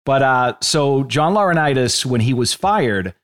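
A man's voice: mid-range voice, animated, measured pace. A man co-hosting a podcast, talking in an opinionated, analytical way in casual chat. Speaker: podcast co-host.

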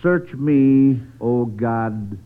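On a muffled old broadcast, a man hosts a 1940s children's radio quiz in an encouraging, folksy and slightly hesitant manner. His mid-range voice has lively intonation and moves very slowly.

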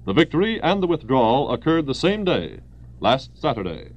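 A man's voice: mid-range voice, huge pitch swings, moderate pace, highs cut off. An American man reading formal, declamatory wartime news bulletins as a 1940s radio newscaster, in an old newsreel manner.

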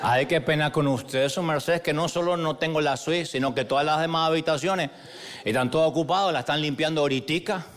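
A man with an Argentine accent voicing an apologetic young male hotel clerk from Cali with a Colombian accent, in a slow, drawling voice. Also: a little high, lightly acted.

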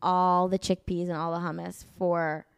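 A woman hosts a podcast in loose, casual chat. She teases her co-host and swears freely. Her voice is smooth and resonant, recorded dry and close. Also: fairly low pitch, little pitch movement, normal speed, dry recording. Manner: joking, teasing, swears freely. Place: vacation rental.

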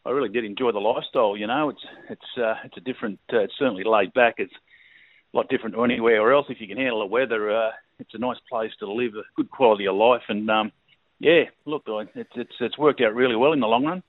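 A middle-aged Australian man talks quickly and at length, easygoing and rambling with plenty of fillers. His voice comes over a tinny phone line with a dry sound. His pitch sits at an ordinary middle level. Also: no room sound. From New South Wales, Australia. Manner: laid-back rambling storyteller, many fillers. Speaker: race caller, guest. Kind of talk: casual interview.

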